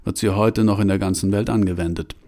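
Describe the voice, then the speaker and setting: A man with a low voice reading a male museum guide who cheerfully lectures on torture devices. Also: steady tone, quick pace, warm tone, natural voice. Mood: relishing. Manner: cheerful, lecturing, relishing detail. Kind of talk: audiobook reading.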